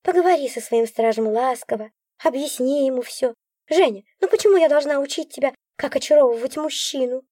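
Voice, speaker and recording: A bossy, grumbling magic book that scolds everyone around her, its voice pitched very high, as a woman puts it on. The storybook voice sounds close and dry, with no room around it. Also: a little fast, warm tone, no room sound. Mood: bossy lecturing. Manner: grumbling, bossy, sometimes cooing. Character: grumpy sarcastic talking magic book, female. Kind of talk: audiobook character voice.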